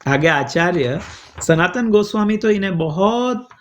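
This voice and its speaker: A man's voice: high-pitched, lively intonation. A man telling a devotional story as a sermon, chanting verses and acting out the voices of its figures. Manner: slow, sing-song storytelling with Sanskrit verses and acted voices. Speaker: preacher telling scripture stories. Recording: dull lo-fi recording.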